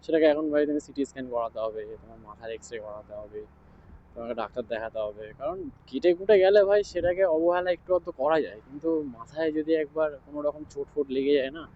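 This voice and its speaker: Man speaking quietly while riding in traffic. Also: medium pitch, fast, highs cut off. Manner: talks quietly because his mic distorts. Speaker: bike taxi rider vlogging. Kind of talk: casual ride-along vlog chat. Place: outdoors on a scooter in city traffic. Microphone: action camera mic while riding. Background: wind and traffic noise.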